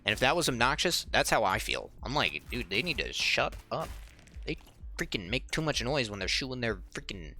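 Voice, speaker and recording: A man's voice: medium pitch, moderate pace. A young man commenting on his own gameplay, chatting with viewers in an exasperated, joking way, his voice cracking from a dry throat. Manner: animated, exasperated banter with viewers. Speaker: gaming channel host. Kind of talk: let's play commentary. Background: faint game music.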